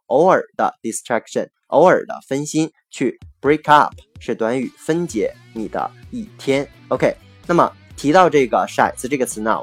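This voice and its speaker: Husky-voiced man teaching English vocabulary. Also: mid-range voice. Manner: explains patiently, spells words letter by letter, slows down for English phrases; ends phrases with drawn-out particles. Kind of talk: podcast vocabulary lesson.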